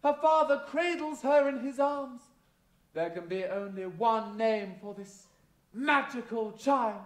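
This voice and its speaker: On a large indoor theatre stage, a man plays a flamboyant, boastful tooth fairy godmother as a pantomime dame, his extremely high, animated voice theatrical and grandiose with a sinister edge. His dramatic, drawn-out monologue includes banter with the audience. A distant camera in the audience captures it, so the sound is echoey and noisy.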